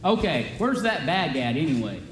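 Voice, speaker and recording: A man's voice: on the high side, big pitch swings, normal speed, a crowd in the background. A male pastor giving a chatty children's sermon, asking the kids lots of questions. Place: church sanctuary. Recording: roomy, from a distance.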